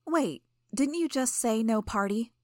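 A woman reading aloud and voicing a brash, bratty teenage girl villain who mocks and argues loudly. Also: on the high side, expressive, a little slow, dry recording, studio quality, pitched above the performer's own voice. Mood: teasing. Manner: loud, mocking and combative.

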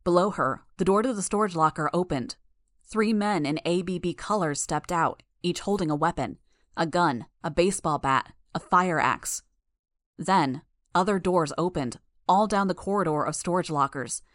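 A woman reading a first-person story aloud in a steady, measured way. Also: on the low side, dry recording, studio quality. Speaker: audiobook narrator. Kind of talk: first-person audiobook narration.

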